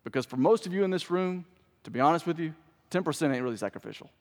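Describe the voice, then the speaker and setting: Male pastor, mid-pitched, conversational sermon rising to emphatic points, long church-hall reverb. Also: a little mellow. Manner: conversational preaching that swells into emphatic peaks. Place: church sanctuary with congregation.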